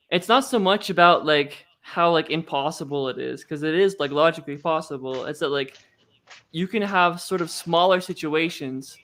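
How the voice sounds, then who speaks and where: A man's voice: fairly high pitch, a bit bright. A man in a casual debate chat, hesitant, stammering and repeating words as he works through his point.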